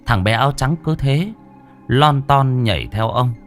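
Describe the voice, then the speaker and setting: A man's voice: mid-range voice, animated, measured pace, faint music behind. A man narrating a horror story in a vivid, theatrical, gory way.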